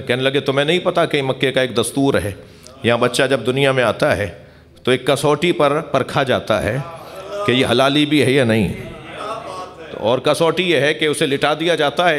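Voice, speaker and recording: A man's voice: mid-range voice, a bit bright. A man preaching a mourning sermon, telling a religious story and calling the gathering to recite blessings. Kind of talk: Shia majlis sermon. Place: imambargah hall.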